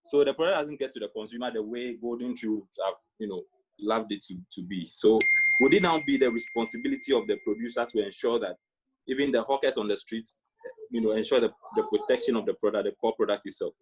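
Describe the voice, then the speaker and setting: A male student speaks up during a lecture discussion. He makes his point thoughtfully and hesitantly, often filling gaps with "you know". His voice sits at a middle pitch. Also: fast talker, background noise. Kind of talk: classroom discussion. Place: lecture room.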